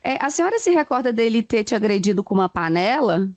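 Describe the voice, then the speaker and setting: A woman's voice: a little high, very animated, a little mellow, no room sound. A woman with a Brazilian Portuguese accent questioning a witness in court, firing off pointed questions one after another. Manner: probing, rapid-fire questions.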